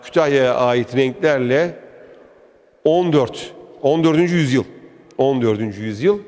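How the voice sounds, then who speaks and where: A man's voice: medium pitch, darkish tone. Chatty man echoing through a museum hall. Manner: chatty, enthusiastic, addresses the viewer directly. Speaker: travel vlog host touring a museum. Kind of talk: casual walking tour commentary. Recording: echoey indoor museum hall.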